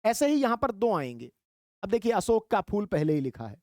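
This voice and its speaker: Man, Hindi teacher, exam prep lesson, step-by-step explaining, slow verse reading, dry close recording. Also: high voice, very animated, a little mellow, no room sound.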